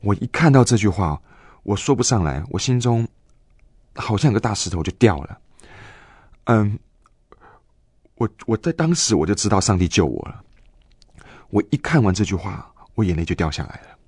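A man in his twenties telling a personal faith story in an interview, earnest and halting, with many fillers and restarts. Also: fairly low pitch, very animated, a little mellow, husky, no room sound, studio quality. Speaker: guest giving a faith testimony.

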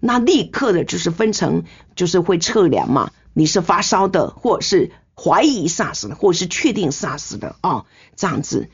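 Brief: older Taiwanese nurse, husky and low, earnest emotional testimony, dull recording. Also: female voice, big pitch swings, normal speed. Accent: Taiwanese Mandarin. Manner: earnest, emotional storytelling with sentence-final particles. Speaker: nurse, guest. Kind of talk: personal testimony in an interview. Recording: slightly muffled recording.

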